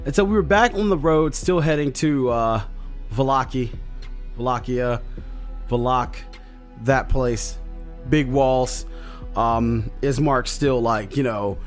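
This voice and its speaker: A man with a mid-range, slightly hoarse voice hosts a solo podcast, casually recapping his tabletop campaign. He rambles, with lots of fillers and restarts.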